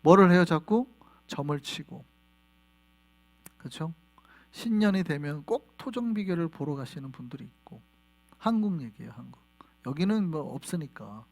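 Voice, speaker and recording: A male pastor preaching a sermon in a church, animated and quizzing the congregation with questions. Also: a little high, normal speed, pauses often. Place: church sanctuary.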